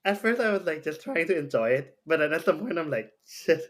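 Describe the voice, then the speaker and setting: A young man from Thailand with a Thai accent, co-hosting a casual podcast, relaxed and laughing along with short agreeing replies. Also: on the high side, fast. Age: young adult. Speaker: podcast co-host. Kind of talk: casual chat.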